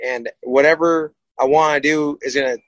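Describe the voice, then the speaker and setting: A man who is a boxer, telling stories as a guest in a casual, rambling and animated way, often repeating himself. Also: on the high side, normal speed, dry recording, lo-fi sound. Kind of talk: casual storytelling. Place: studio set, live stream.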